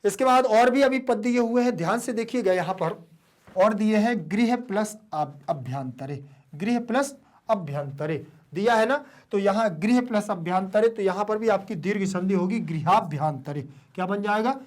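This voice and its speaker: A woman's voice: medium pitch, animated, moderate pace, a little mellow. Woman teacher repeating and quizzing. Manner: repeats key words and quizzes the students. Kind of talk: online lesson explaining grammar.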